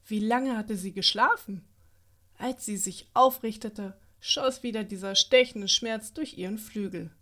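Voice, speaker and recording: A woman reading a children's bedtime story aloud in a gentle, even way. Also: mid-range voice, measured pace. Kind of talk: scripted bedtime story narration.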